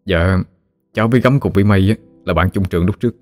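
A man's voice: low-pitched, quick pace, a little mellow, no room sound, faint music behind, natural voice. A male storyteller voicing a polite, eager young man.

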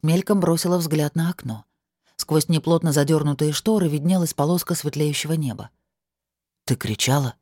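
A woman narrating a fantasy audiobook in a steady, even storytelling manner. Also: sits low, a little fast, no room sound, studio quality.

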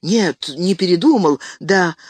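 A reader voicing an old male hobbit who stammers and grows shrill and possessive, in an audiobook reading. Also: a little slow, husky, no echo. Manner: stammering, turns shrill and grasping.

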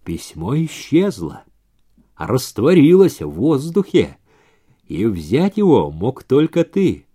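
A man voicing a cold, sinister male stranger who hisses his lines calmly in a story reading. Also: medium pitch, slow, husky, exaggerated voice. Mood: menacing. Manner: hissing, menacing, calm.

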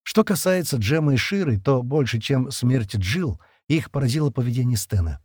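Husky-voiced man narrating sci-fi. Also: mid-range voice, animated, moderate pace, darkish tone, no echo, clean studio sound. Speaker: audiobook narrator.

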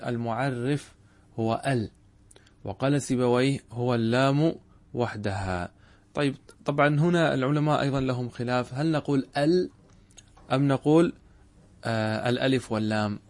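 Man teaching grammar, measured pace. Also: mid-range voice, darkish tone. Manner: measured, checks understanding with rhetorical questions; repeats key points for emphasis. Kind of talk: classroom lesson explaining a text.

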